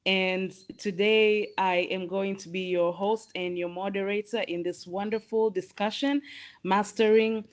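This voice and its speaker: A woman from Tanzania hosting and moderating an online webinar, speaking in a measured, welcoming way with some fillers. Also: mid-range voice, fairly even intonation. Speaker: host and moderator.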